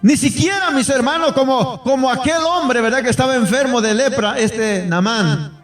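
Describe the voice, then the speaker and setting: In a church hall, a pastor with an extremely high voice speaks at a moderate pace, far from the microphone. His sermon is fervent: he keeps addressing the congregation as brothers and raises his voice to act out pleas. The room echoes, and faint music plays in the background.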